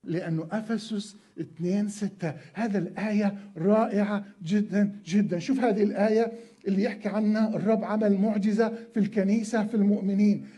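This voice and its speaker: Husky high-voiced man preaching emphatically. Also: steady tone, brisk, mellow. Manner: emphatic preaching with repeated words and rhetorical questions. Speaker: pastor. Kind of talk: sermon.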